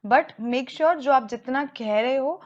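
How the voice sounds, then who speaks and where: A woman teaching as an English exam coach, explaining step by step in a measured way and slowing down to stress key points. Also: sits high, highs cut off. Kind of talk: Hindi-English mixed lesson.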